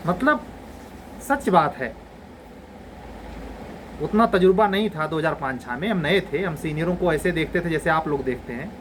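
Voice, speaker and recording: A man's voice: fairly high pitch, expressive, moderate pace, long pauses, a bit bright, a little hiss or hum, rough recording. A man in his forties, an exam coaching teacher, giving students a blunt, exasperated scolding lecture.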